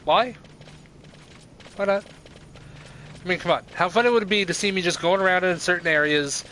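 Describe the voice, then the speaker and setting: A man's voice: high-pitched, normal speed, bright, forceful tone, slight background noise. A young man casually commenting while streaming a game, chatty and irreverent, swearing offhandedly. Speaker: let's play streamer.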